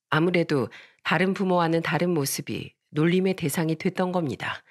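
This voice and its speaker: Calm woman narrating a story. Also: on the low side.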